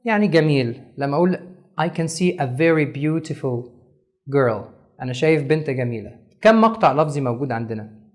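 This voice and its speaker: An Egyptian man teaching an English lesson for beginners in a very animated voice that swings up and down. He explains in Arabic, then sounds out English words slowly and with heavy stress on each syllable. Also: a little high. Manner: slow, over-stressed English pronunciation drills.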